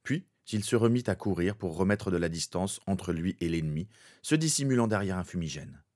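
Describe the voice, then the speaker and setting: A man narrating a fan fiction story in a steady, dramatic way. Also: low-pitched, fairly quick.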